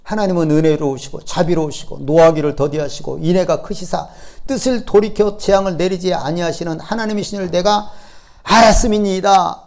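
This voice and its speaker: A man preaching a sermon as pastor, telling the story lively and acting out the speakers, often turning to the congregation with short questions. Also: fairly high pitch, brisk, gravelly, hardly any pauses. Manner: acts out biblical speech in raised voice.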